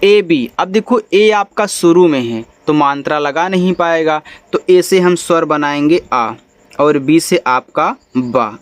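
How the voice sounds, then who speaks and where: A man teaching English spelling, slowly sounding out each letter and then the whole word. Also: fairly high pitch. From India. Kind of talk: spelling lesson, reading words letter by letter.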